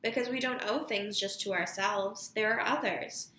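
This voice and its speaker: A woman's voice: medium pitch, moderate pace, sharp tone, reverberant, a little hiss or hum, lightly acted. A woman reading aloud the lines of a troubled young boy who speaks earnestly.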